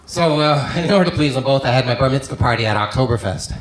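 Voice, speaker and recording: A man from Canada doing a stand-up routine in a comedy club, delivering deadpan one-liners and mock foreign phrases. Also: medium pitch, fast talker, heavy background noise. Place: comedy club with live audience. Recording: echoey club, loud crowd laughter.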